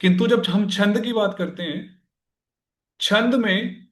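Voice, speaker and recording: In an online class lecture, a man with a high voice teaches Sanskrit grammar, explaining slowly and counting syllables out loud. He moves between Hindi and English terms, and the sound is roomy.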